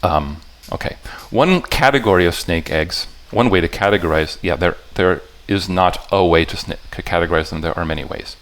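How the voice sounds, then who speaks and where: A low voice with a fairly bright tone carries this puzzle setter's convention talk. His sentences break off and restart as he corrects himself, and he checks in with the room now and then.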